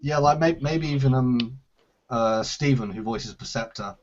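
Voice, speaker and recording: A man's voice: mid-range voice, unhurried, darkish tone, lo-fi sound, slight background noise. A man hosting a casual Q&A about his series, rambling with lots of restarts. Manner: rambling, hesitant, with frequent restarts and laughs. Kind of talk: casual group chat.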